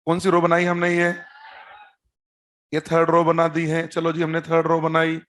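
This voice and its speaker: A man's voice: fairly high pitch, completely flat delivery, normal speed, a bit bright. Man teaching, repeating terms and quizzing. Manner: explains step by step, repeats key terms, quizzes students; teasing, joking asides. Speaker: chemistry teacher. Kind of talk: classroom-style lecture at a board.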